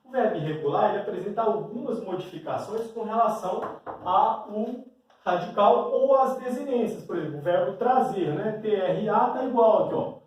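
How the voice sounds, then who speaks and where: At a classroom board, a man teaches grammar in an expressive, high voice at normal speed, with a Brazilian Portuguese accent and a frequent questioning "né?". The room is very echoey and the mic sits far away.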